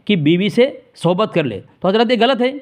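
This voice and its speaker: A man's voice: high-pitched, expressive. A man in a theological debate over a phone call, insistently pressing his opponent for answers while staying formally respectful. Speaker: religious debater.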